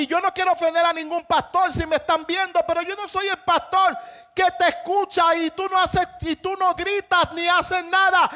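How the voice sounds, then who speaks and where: A man preaching a sermon as pastor, impassioned, often raising his voice to a shout for emphasis. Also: very high-pitched.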